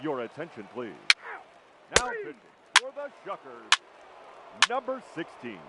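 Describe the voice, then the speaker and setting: A man voicing a formal ballpark public address announcer whose words come over a distant stadium loudspeaker, slow and drawn out. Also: on the high side, wildly swooping pitch, gravelly, very noisy, exaggerated voice. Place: outdoor ballpark.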